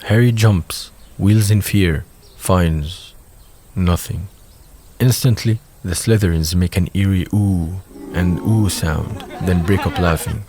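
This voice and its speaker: This audio drama narrator is a man with a low pitch and a dark tone, reading from a script. Measured and descriptive, he sets each scene in the present tense, and a little hiss or hum sits under the recording.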